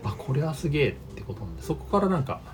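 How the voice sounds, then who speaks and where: Fifties male host, loose rambling chat with laughs, lively delivery over soft background music. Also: on the high side, racing. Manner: rambling, laughs often, self-deprecating asides. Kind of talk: casual solo chat.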